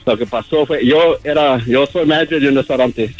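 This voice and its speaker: A man's voice: mid-range voice, normal speed, faint music behind, poor audio. A man calling in to a radio show, telling a story casually. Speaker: phone-in caller.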